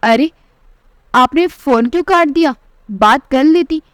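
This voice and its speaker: A woman voicing a gentle, meek young new bride who speaks politely and apologetically. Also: sits high, animated, a little slow, no echo, studio quality. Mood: pleading.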